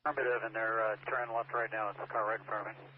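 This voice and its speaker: Patrol officer over two-way radio, even monotone, phone-thin sound, hesitant fillers. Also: male voice, on the low side, racing. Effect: over a two-way police radio. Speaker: police officer in a patrol car. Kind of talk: terse radio traffic. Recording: tinny radio transmission with static.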